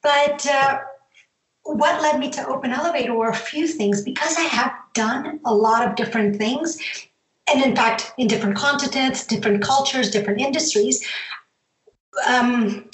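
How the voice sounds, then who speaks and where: A middle-aged woman with an American accent, born in Zambia and raised in the US from age ten, chats casually and meanderingly as a podcast guest and company founder. Her voice sits high at a moderate pace, and the recording sounds echoey and roomy.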